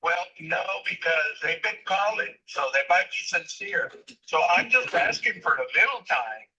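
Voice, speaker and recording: A man on speakerphone from his car, a defense attorney talking in a hurried, halting way and pleading for more time. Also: high voice, lively intonation, pushed and bright, a little hiss or hum, rough recording. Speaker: defense attorney calling the judge. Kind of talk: phone call in court. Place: in a car on the road.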